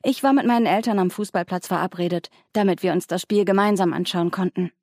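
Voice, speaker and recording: A woman reading a first-person audiobook in a composed, even way. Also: on the low side, fast talker, dry recording, studio quality. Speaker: audiobook narrator.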